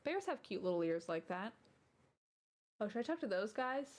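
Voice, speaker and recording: A woman's voice: mid-range voice, big pitch swings, normal speed. A woman hosting a game playthrough, chatting in rambling asides and letting out sudden startled yelps. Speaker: let's play host. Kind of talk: casual gaming chat. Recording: game music under the voice. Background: game music.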